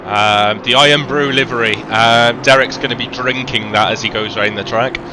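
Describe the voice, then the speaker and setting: A man's voice: medium pitch, fairly even intonation, normal speed, noisy background. A man with a faint Welsh accent doing live sim racing commentary, chatty, with lots of ums and self-corrections. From Wales.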